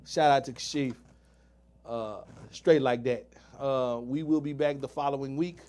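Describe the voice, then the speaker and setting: A man's voice: mid-range voice, steady tone, a little slow, a little mellow. A man hosting a casual podcast, slangy and joking, laughing often. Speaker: host. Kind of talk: casual chat.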